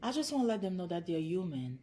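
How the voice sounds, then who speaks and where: A little hiss or hum sits under the fairly low, mellow voice of a Haitian psychologist in her thirties, who speaks very animatedly and at a quick pace. As a podcast guest, she answers interview questions in an earnest, encouraging way, often laying out her points as lists.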